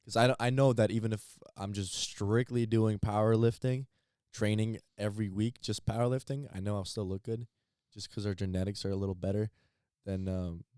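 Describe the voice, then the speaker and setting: A teenage man co-hosting a podcast in casual chat, halting and repeating words as he thinks. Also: fairly low pitch, fairly even intonation, darkish tone, clear, resonant tone, no room sound, clean studio sound. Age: teens. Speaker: podcast co-host.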